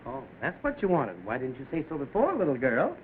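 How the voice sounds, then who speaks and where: An actor playing a brash, wisecracking newspaper reporter, slangy and cocky, in 1930s film style. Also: male voice, mid-range voice, huge pitch swings, brisk. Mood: pushy, wisecracking. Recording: tinny, noisy old film soundtrack.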